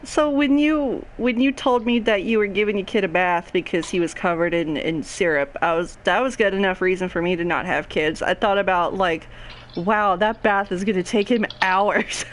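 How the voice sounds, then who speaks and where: A woman's voice: on the low side, moderate pace, hardly any pauses, slight background noise. A woman co-hosting a podcast, chatting casually, teasing, swearing and laughing. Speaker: podcast co-host. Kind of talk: casual chat.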